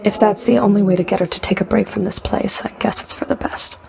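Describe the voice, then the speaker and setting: A video game's underworld Fury speaks at an ordinary female pitch, her voice thick with vocal fry and a darkish tone. Curt, dry and sardonic, she issues orders quickly and steadily with guarded, grudging authority.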